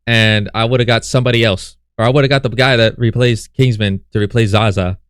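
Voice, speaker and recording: A man's voice: on the low side, fairly even intonation, fairly quick, a bit bright, smooth, dry recording, clean studio sound. A man reacting to a video as a streamer, heckling the clip and swearing freely. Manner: profane, mocking, heckles the clip. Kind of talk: casual reaction commentary.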